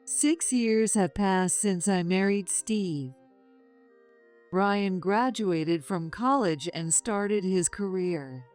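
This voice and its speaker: A middle-aged woman calmly narrating a first-person story in a measured, confessional way. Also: medium pitch, smooth. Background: faint music.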